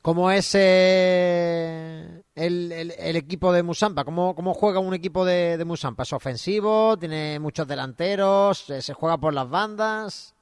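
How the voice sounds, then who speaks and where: A man's voice: high voice, a little slow, clean tone, no room sound, studio quality. A man hosting a radio sports interview, asking questions in a friendly, conversational way.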